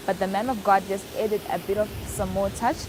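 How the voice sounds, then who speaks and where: A woman guiding viewers through a church prayer site, narrating in a steady, reverent, explanatory way. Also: mid-range voice, a little fast, noisy background. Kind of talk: documentary narration. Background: music.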